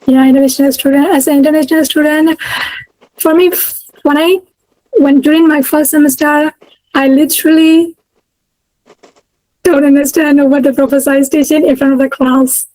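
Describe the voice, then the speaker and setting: This guest in a casual video-call interview is a woman in her thirties from Myanmar who speaks with a Burmese accent, often hesitating, restarting, and filling gaps. She talks at a normal speed with long pauses, her high voice steady and somewhat dark. The recording is dry and rough.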